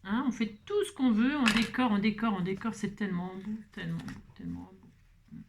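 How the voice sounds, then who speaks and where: A woman's voice: fairly high pitch, brisk, background noise. A woman hosting a craft tutorial, chatting playfully to herself and her viewers and breaking into song.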